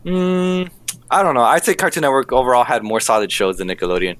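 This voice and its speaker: A man's voice: medium pitch, fast talker, a bit bright. A man co-hosting a casual podcast, arguing his points emphatically. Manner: emphatic, argumentative. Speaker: podcast co-host. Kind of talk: casual chat.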